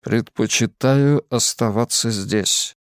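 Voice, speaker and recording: A man voicing a mysterious masked man who hides in darkness, speaking slowly, quietly and evenly. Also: medium pitch, dry recording, clean studio sound. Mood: calm. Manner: slow, quiet, measured.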